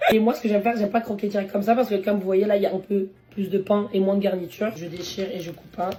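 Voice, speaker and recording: A young woman talks straight to her phone camera at home in a casual vlog, her voice hoarse and worn from days of talking. She rattles along at a quick clip, full of slang. Her tone stays dark and mellow. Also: medium pitch, steady tone. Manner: chatty, slangy, laughs often. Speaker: vlogger. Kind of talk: casual chatty food vlog.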